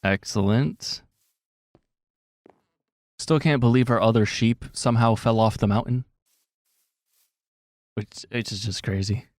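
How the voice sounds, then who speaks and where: A man's voice: fairly low pitch, a little slow, pauses often, no room sound. A man giving casual, rambling gameplay commentary, full of fillers and self-corrections, with a slightly sore throat. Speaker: gaming commentator.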